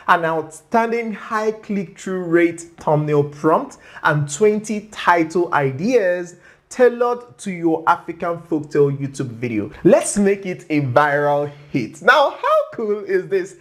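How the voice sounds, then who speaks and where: A tutorial host with a medium-pitched voice narrates a screen-share, guiding viewers through the steps shown in a chatty, playful manner. He frequently checks in with a quick "okay" or "right."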